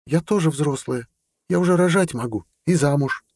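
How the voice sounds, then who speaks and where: A pert, defiant teenage girl from a fantasy audiobook, her voice pitched up high and bright. A male narrator puts her on, cheeky and bloodthirsty, with a dry, close sound. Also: normal speed, dry recording.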